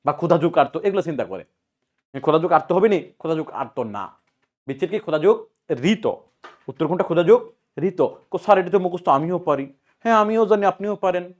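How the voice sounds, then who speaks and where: A male teacher with a Bangladeshi Bengali accent, running an exam-prep grammar lesson and drilling students with repeated questions and answers in brisk, colloquial speech. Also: sits high.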